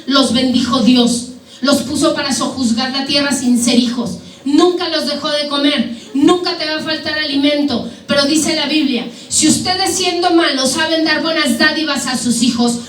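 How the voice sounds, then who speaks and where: A woman preacher delivering a sermon to a congregation, asking them questions as she goes. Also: high-pitched. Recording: echoey hall, mic at a distance, faint background noise.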